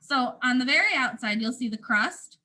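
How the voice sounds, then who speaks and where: Reading a picture book to little kids, this North American first grade teacher speaks expressively and pauses to explain things simply. Her pitch sits high, her speed is normal, and her tone is sharp and animated.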